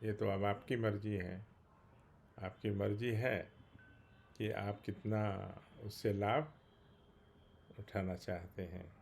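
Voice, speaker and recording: A man speaking as a spiritual teacher in a daily talk, earnest and emphatic, repeating key phrases and reciting slow chant-like invocations. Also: lowish voice, fairly even intonation, vocal fry, darkish tone, a little hiss or hum.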